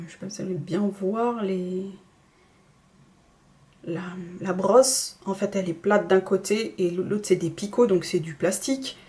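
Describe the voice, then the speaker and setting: Chatty woman doing a makeup tutorial. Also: medium pitch. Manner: chatty, self-deprecating, trails off into soft asides. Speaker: beauty vlogger. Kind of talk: casual makeup tutorial chat.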